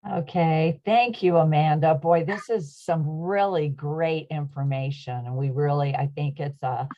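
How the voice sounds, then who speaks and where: A woman with a very low voice hosts an online session from a video call. She speaks haltingly, with fillers and restarts. The audio is dull and lo-fi. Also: steady tone. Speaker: host.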